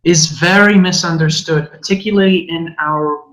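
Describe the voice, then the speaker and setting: Man, higher register, earnest and passionate teacher in casual chat. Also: steady tone, moderate pace, a bit bright, faint music behind, low-quality recording. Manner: earnest, passionate, occasional swearing. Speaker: spiritual teacher. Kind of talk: conversational podcast chat.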